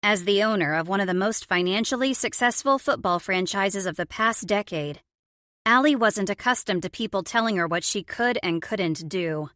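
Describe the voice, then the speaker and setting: A woman narrating a romance audiobook in the first person, with expressive storytelling. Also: medium pitch, moderate pace, no echo. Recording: dry studio recording.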